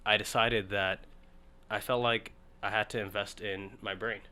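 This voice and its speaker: Man in his twenties, from Ethiopia, lowish bright voice, easygoing, podcast guest. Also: little pitch movement, normal speed, smooth. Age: 20s. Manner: easygoing, storytelling, laughs along. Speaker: guest, startup founder. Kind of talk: casual interview.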